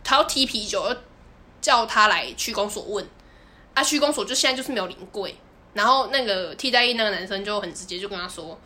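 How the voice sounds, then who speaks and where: A woman's voice: medium pitch, expressive, a little fast, pushed and bright. A woman, co-hosting a podcast and animatedly telling a story, often laughing and acting out the people in it. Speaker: podcast co-host. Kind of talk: casual storytelling chat.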